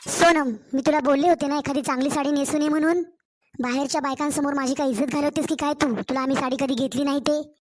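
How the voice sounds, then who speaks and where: A woman voicing a nagging mother-in-law, high-pitched. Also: fairly even intonation, fast talker, slight background noise, lightly acted. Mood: scolding. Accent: Marathwada Marathi. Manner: complaining, sharp-tongued. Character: scolding nagging middle-aged mother-in-law.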